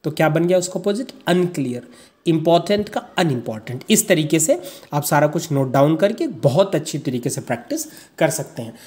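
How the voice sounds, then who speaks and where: A teacher gives an online grammar lesson, reads the rules slowly word by word, reads out word pairs as a list and keeps calling the viewers friends. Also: medium pitch, sing-song, a little mellow. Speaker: English teacher. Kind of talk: online grammar lesson explaining slides in Hindi.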